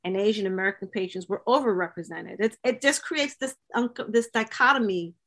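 A woman co-hosting a podcast, talking through her point with earnest emphasis. She restarts her sentences often as she searches for words. Her voice is bright and clear. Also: medium pitch, a little fast. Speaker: podcast co-host. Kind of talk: casual discussion.

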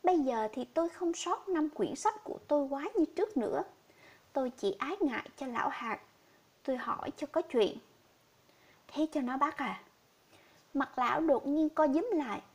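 Woman narrator, high voice, audiobook short-story reading with emotional dialogue. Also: lively intonation, moderate pace, a little mellow.

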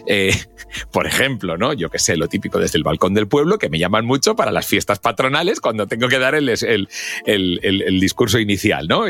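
A man who is a radio broadcaster, giving casual advice on a podcast and acting out examples as he talks. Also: lowish voice. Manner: lively, animated speaker, acts out examples, bursts into shouted goal calls. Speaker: guest mentor and radio broadcaster.

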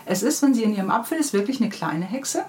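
A middle-aged children's book author talks quickly in a very animated, dark-toned voice of medium pitch. In a casual interview she explains and tells her stories in a friendly, chatty, detailed way. Background noise is clearly audible.

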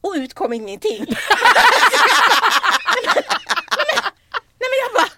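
A woman's voice: very high-pitched, huge pitch swings, a bit bright, dry recording. A woman telling a story in a casual podcast chat, acting out quoted voices and laughing often.

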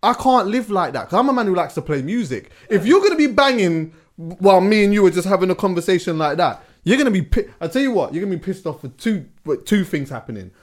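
Young male podcast co-host, lively, slightly raised pitch, casual storyteller. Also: fast talker, few pauses. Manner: animated storyteller, drops to quiet asides. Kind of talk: casual chat.

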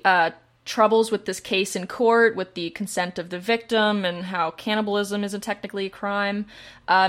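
A young woman recounts a case on a casual podcast, loose and chatty, with frequent fillers and small restarts. Her pitch sits in the middle of the range. She sounds like a friend talking across a table. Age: young adult. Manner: relaxed storytelling with fillers. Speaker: podcast co-host. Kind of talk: casual true-crime podcast chat.

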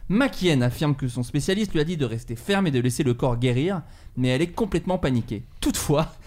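A man's voice: fairly high pitch, lively intonation, brisk, darkish tone. A man hosting a casual group chat, jokey and laughing often as he reads out a news story. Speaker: podcast host.

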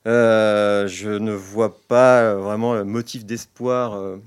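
A man's voice: lowish voice, fairly even intonation, slow, clear, resonant tone. A man appearing as a guest pundit on a sports podcast, complaining in a gloomy, dramatic way with stammering restarts. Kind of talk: casual sports podcast banter.

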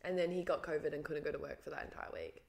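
Young Aussie woman, casual chat, lowish pitch, chatty storyteller. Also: fairly even intonation, creaky, a little mellow. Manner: chatty, quick to tell stories, lots of "like". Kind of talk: casual chat between friends.

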